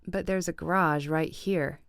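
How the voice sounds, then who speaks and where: A cool, dry-witted young woman who teases and snaps, as a woman reads her lines. Low, smooth voice with a dry, close sound. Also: fairly even intonation, unhurried, fairly bright tone, no room sound. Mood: wry. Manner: dry, teasing, cross. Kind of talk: audiobook reading.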